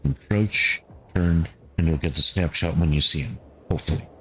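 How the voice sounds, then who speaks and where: A man giving calm gameplay commentary, thinking aloud and talking to his squad as he plays. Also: low voice, moderate pace, a little hiss or hum. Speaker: gameplay streamer.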